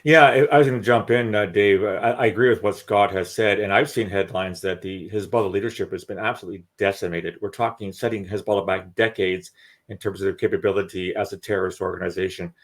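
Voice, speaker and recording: Low-voiced man, measured analyst. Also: fairly even intonation. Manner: measured, frequent restarts and stammered repeats. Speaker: security analyst guest. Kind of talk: podcast discussion.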